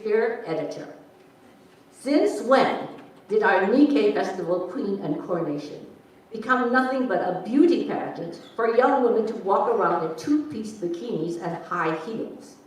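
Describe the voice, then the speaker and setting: A proud and fussy mother, played by a woman in a stage reading, speaking in a pointed, emphatic way at a middling pitch. She sounds far from the mic in a very echoey hall. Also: lively intonation, measured pace, close to an everyday voice. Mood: indignant, formal. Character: proud, indignant, fussy Japanese American mother. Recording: echoey hall, distant mic, faint noise.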